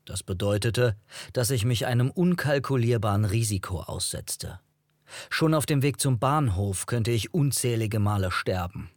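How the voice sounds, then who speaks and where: A man reading a first-person novel as an audiobook narrator, in an even, measured storytelling manner. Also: mid-range voice, no echo, clean studio sound.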